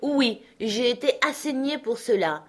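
Une lectrice qui prête sa voix à un oncle d'âge mûr, ironique, honnête et prompt à s'emporter. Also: female voice, a little high, expressive, a little slow, a bit bright, voice pushed up. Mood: exasperated. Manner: exclaiming, ironic. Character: excitable, principled middle-aged uncle, a man.

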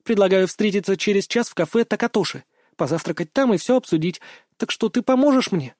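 A man's voice: sits high, animated, fairly quick, darkish tone, no echo, voice pushed up. A man voicing a cheerful, pushy young woman who chatters and wheedles in an audiobook. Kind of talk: audiobook narration.

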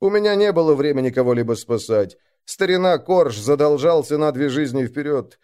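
A man narrating a dark first-person adventure story, slowing down and raising his voice for the shouted lines of other characters. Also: on the high side, animated, smooth.

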